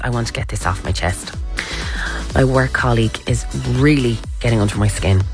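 A woman with a west of Ireland accent from Kerry, chatting casually as a radio co-host. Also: rumbling low. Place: radio studio. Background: music.

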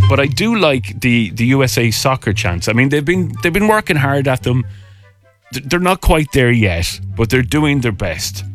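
An Irish man hosting a radio show, chatting in a casual, upbeat way with plenty of ums and uhs. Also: mid-range voice. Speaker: radio host. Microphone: studio microphone. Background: music bed.

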